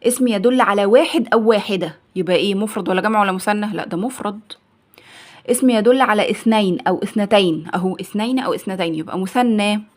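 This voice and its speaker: A young Egyptian woman teaches a primary school grammar lesson at a brisk, rapid clip. She fires off questions and then answers them herself, slipping into the pupil's voice. Her pitch sits in the ordinary middle range for a woman. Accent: Egyptian Arabic. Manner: asks and answers her own questions, acting out the pupil's replies.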